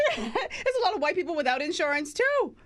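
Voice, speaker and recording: Teasing, laughing woman co-host. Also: high-pitched. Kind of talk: casual comic chat.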